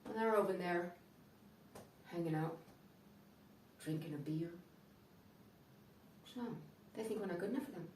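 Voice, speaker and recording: A woman's voice: fairly low pitch, a little slow, long pauses, darkish tone, slight background noise. Sardonic American woman, echoey far mic. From United States. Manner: dry, sardonic delivery with playful asides. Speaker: comedian. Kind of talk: stand-up comedy monologue.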